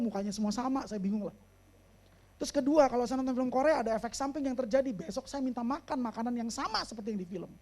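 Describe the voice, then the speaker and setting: Speaking as both preacher and therapist, a man delivers a sermon with English phrases mixed in. When he wants to stress something, he slows and lifts his voice; solemn parts come out low and hushed.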